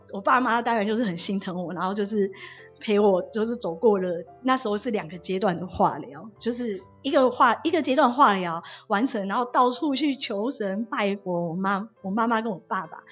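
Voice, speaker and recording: A young woman from Taiwan, a nurse telling her testimony as a guest in an animated way and acting out the words of the people she quotes. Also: mid-range voice, slightly rough. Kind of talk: personal testimony storytelling. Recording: dull lo-fi audio with faint music.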